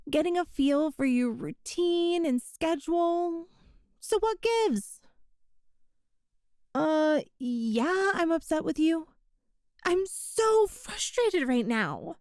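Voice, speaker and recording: A very high, darkish woman's voice, recorded clean in a studio with no room sound. An ASMR roleplay performer, she voices a young cat-girl burglar for an audio roleplay, sly yet pitiful, sounding sheepish, flustered and defensive.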